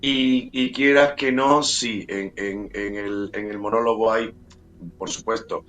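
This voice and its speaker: A middle-aged man from Cuba speaks in a fairly low voice as a guest in an interview. He hesitates often, filling pauses and restarting his sentences. Faint music sits behind him. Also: fairly even intonation, fairly bright tone. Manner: hesitant, many fillers and restarts. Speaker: actor and playwright, guest. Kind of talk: interview answers.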